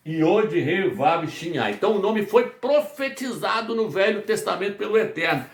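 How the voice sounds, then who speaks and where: A fairly high-voiced man from Brazil preaches a Bible study in an echoey room. He drives his points home by firing questions and answering them himself, over and over. His teaching is emphatic and repetitive. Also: animated, moderate pace. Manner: repetitive call-and-response questioning.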